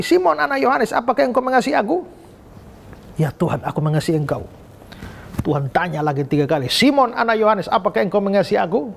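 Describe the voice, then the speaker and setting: Male pastor, slightly high voice, lively storytelling sermon, faint noise behind. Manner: animated storyteller, acts out dialogue voices.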